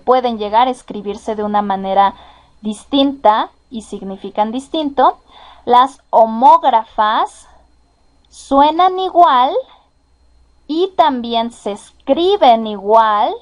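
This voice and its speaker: Slow, patient Mexican woman teaching. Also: a little high. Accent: Mexican Spanish. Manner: slow, patient, repeats each example sentence. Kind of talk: slow, careful classroom explanation.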